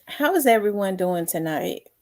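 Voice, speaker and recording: A woman's voice: medium pitch, big pitch swings, darkish tone. A woman hosting a casual livestream, greeting viewers by name with lots of ums. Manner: unhurried, reads out viewer names with many fillers. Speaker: livestream host.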